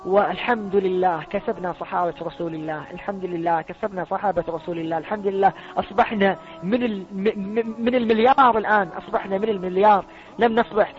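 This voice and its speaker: A man making an earnest spoken declaration, repeating oaths and restarting words. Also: sits high. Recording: muffled lo-fi audio.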